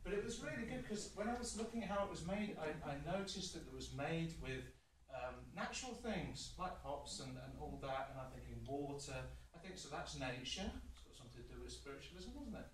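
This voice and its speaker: A Scottish-born spiritual medium in middle age gives a talk to an audience, his story chatty and meandering with restarts and laughter. He speaks briskly and expressively on the higher side, barely pausing. A phone camera far back in the large muralled hall catches echo and a little hiss or hum.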